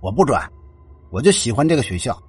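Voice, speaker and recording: A man's voice: medium pitch, sing-song, brisk, breathy edge, no echo, soft background music. A man voicing a defiant young female student who argues with her mother, cold at times and near tears at others. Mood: upset. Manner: cold, then tearful and shouting. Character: angry young woman student, defiant daughter.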